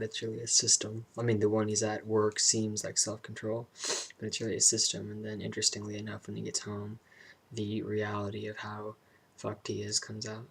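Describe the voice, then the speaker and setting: A young man talking casually and introspectively about personal matters in a vlog, halting and searching for his words. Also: fairly low pitch, vocal fry, fairly bright tone, slightly rough. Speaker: vlogger.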